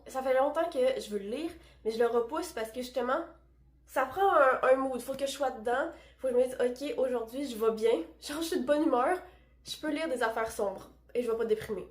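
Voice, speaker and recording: A woman's voice: on the high side, darkish tone, reverberant. A young woman with a Québécois French accent, chatting enthusiastically about books she plans to read. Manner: chatty, enthusiastic, self-deprecating. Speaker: book vlogger. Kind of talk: casual book chat.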